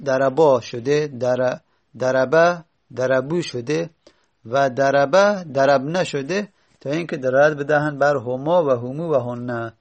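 A man's voice: medium pitch, lo-fi sound. A male teacher explaining Arabic grammar step by step, repeating word forms aloud.

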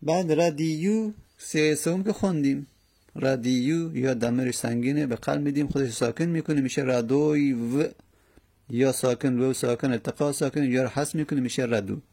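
Gravelly man methodically teaching grammar. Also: mid-range voice, dark tone. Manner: methodical, repeats word forms aloud. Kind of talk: Arabic morphology lesson.

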